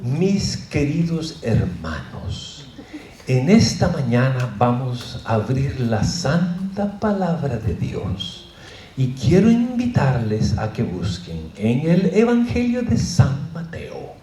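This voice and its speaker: A man imitating a pompous male preacher who slowly stresses every syllable, in a soft, solemn, over-careful delivery. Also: mid-range voice, big pitch swings, voice pushed down. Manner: slow, solemn, over-enunciated. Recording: roomy echo.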